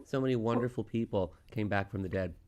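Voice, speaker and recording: A man's voice: lowish voice, quick pace, a little mellow, slight background noise. A man co-hosting a podcast, talking in a casual, conversational style. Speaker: podcast co-host. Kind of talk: casual chat.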